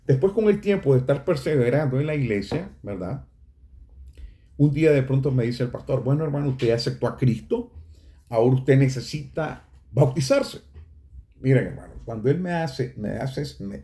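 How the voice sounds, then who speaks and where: Earnest middle-aged Nicaraguan man, mellow voice. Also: medium pitch. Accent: Nicaraguan Spanish. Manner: earnest, emotional, addresses listeners as brothers. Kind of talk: personal faith testimony.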